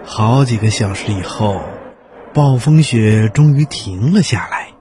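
A man narrating a children's story, telling it gently and expressively. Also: on the low side, animated, measured pace, noisy background.

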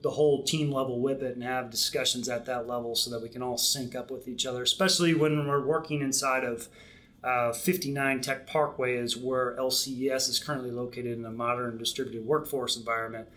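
Middle-aged man, mid pitch, steady explainer with fillers, podcast guest. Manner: measured, explanatory, many restarts and fillers. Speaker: Marine Corps program manager, guest. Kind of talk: podcast interview.

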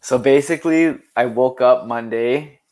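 A man's voice: mid-range voice, a little slow, darkish tone. A young man co-hosting a podcast, chatting casually about hockey and rambling with lots of filler words. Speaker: podcast co-host. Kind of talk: casual sports chat.

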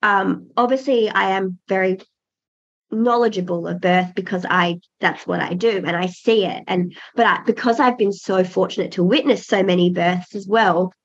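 A woman's voice: mid-range voice, moderate pace. A pregnant woman in her thirties, a podcast guest talking casually, earnest and reflective with many restarts. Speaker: podcast guest, birth doula. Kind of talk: casual interview chat. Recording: dull lo-fi audio.

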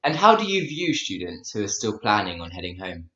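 A man's voice: on the low side, big pitch swings, a little fast, a bit bright. A man introducing a news item and putting prepared questions as a radio interviewer. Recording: echoey, slightly dull audio.

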